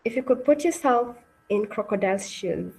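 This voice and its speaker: In a low-quality recording, a woman's mid-range voice sounds animated, creaky, husky, and darkish, moving at normal speed. She hosts an interactive online read-aloud on a video call as webinar host and narrator, encouraging listeners and checking in on them often.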